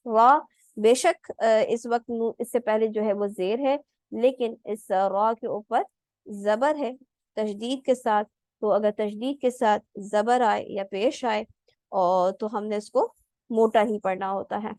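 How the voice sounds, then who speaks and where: A woman's voice: on the high side, a little mellow, dry recording. A woman teaching Quran recitation in an online class, explaining pronunciation patiently step by step and demonstrating the sounds herself.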